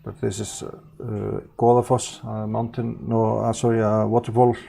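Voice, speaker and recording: An Icelandic man chatting casually on a live stream as he paints, halting and correcting himself often, with frequent small chuckles. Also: on the low side, level tone, vocal fry, warm tone, slight background noise. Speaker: livestreaming painter.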